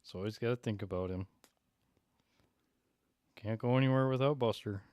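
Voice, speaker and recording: A relaxed man chatting on a livestream, often breaking into laughter. His voice sits a little low and sounds dark and mellow. The sound is dry and close, with no room echo. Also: moderate pace. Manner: laughs often, talks to his dog in a soft coaxing baby voice. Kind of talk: casual livestream chat.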